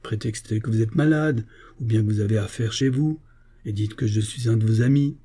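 A man reading the part of a cunning, cheeky young man from the Paris streets who talks in a brisk, scheming way. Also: on the low side, mellow, husky. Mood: coaxing.

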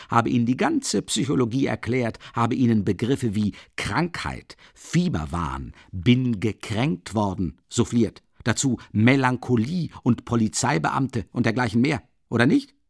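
An actor playing a sly, jovial middle-aged investigator who teases and needles with questions. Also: male voice, medium pitch, sing-song, normal speed, creaky, hardly any pauses, no room sound, clean studio sound. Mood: mocking.

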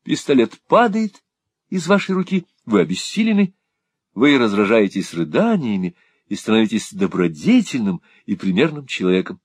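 A man's voice: lowish voice, huge pitch swings, moderate pace, slightly rough, no echo, studio quality, heavily acted. A man voicing an earnest, naive young playwright who explains things politely with a touch of irony. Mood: explaining.

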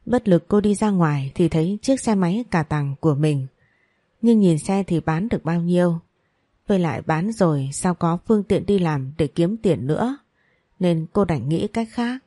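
A woman narrating a scripted story in a steady storytelling manner. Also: fairly low pitch, normal speed, dry recording, studio quality.

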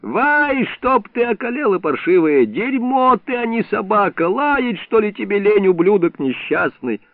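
A man voicing a gruff, hot-tempered old male hunter who scolds and curses, recorded dry with a narrow, phone-like sound. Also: fairly high pitch, expressive, moderate pace, dry recording. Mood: cursing furious. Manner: scolding, cursing, bantering.

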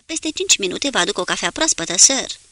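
A woman's voice: mid-range voice, big pitch swings, sharp tone, dry recording. A woman reading the lines of a chatty, wry male ship's steward in an audiobook.

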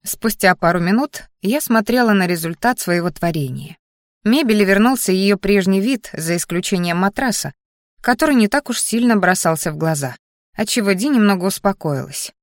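A woman narrates a first-person fantasy audiobook in a lively, wry storytelling manner, her pitch sitting in a middle range. The close, dry recording has no room echo at all. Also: normal speed.

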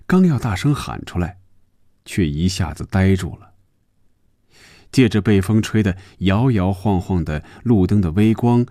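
A man narrating a story in an expressive, measured storybook radio reading. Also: sits low, no room sound, clean studio sound.

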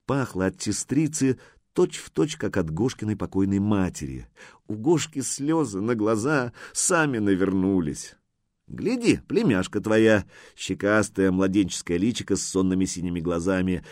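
A male narrator reading a story with an animated, rising and falling voice. The recording is close and dry, with no room around it. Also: sits low, normal speed, no echo. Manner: expressive storytelling. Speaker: audiobook narrator. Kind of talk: scripted narration.

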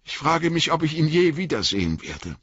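A man's voice: on the high side, very animated, moderate pace, a bit bright, breathy edge, no room sound, pitched above the performer's own voice, full character voice. A man reading an audiobook, voicing a young, earnest male hobbit who is anxious and eager. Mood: wistful. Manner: eager, rising and pleading. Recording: dull lo-fi audiobook recording.

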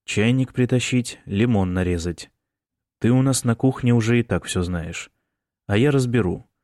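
A man's voice: mid-range voice, normal speed, darkish tone, no echo, studio quality, close to an everyday voice. A man voicing a weary, practical middle-aged father who speaks matter-of-factly.

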